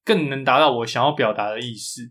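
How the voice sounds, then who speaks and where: Male co-host, mild Taiwanese accent, quick conversational delivery, average pitch. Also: fairly bright tone. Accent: Taiwanese Mandarin. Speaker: podcast co-host. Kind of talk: casual chat.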